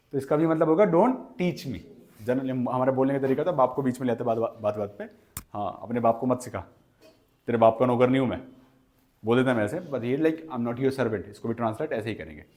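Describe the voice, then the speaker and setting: A man teaching English grammar in a classroom, explaining in Hindi and slowly repeating English example phrases. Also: medium pitch.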